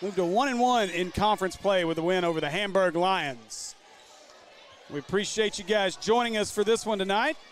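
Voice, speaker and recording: A man with a high voice calls basketball play-by-play live from a gym. He runs through the action quickly. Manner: quick, running call of the action. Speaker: play-by-play commentator.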